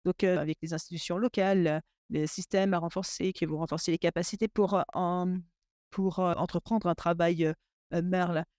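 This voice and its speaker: A man interpreting a webinar panel discussion into French in real time, halting and often restarting his sentences. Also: sits high, fairly even intonation, darkish tone, dry recording, clean studio sound. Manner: halting, with frequent restarts and fillers. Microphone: remote webinar audio.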